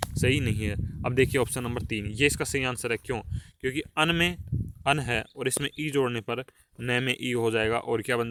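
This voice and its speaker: A male teacher goes through test answers in an online class, explaining step by step and asking rhetorical questions. His voice sits at an ordinary pitch. A clear hiss and some clicks run under the recording. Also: fairly bright tone.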